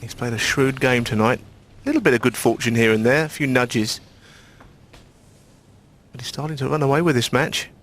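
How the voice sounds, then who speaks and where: A man of medium pitch offers low-key snooker commentary. His remarks are short, hushed and conversational, never rushed. Faint noise and clicking lie behind the voice.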